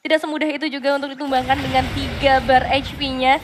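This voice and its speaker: A woman's voice: high voice, little pitch movement, a little fast, background noise. A woman working as an esports caster, giving live commentary on a game.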